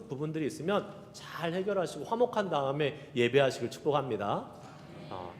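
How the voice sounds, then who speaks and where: A man preaching a Sunday sermon as a pastor, lively and joking with the congregation, reciting scripture slowly. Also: fairly high pitch, a little hiss or hum. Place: church sanctuary. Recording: reverberant church hall.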